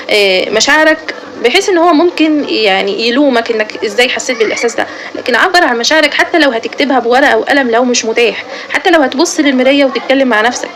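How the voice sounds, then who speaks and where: A woman's voice: a little high, expressive, rapid-fire, noisy background. A woman with an Egyptian Arabic accent giving earnest self-help advice, speaking straight to the listener like a coach. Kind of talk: advice talk to camera.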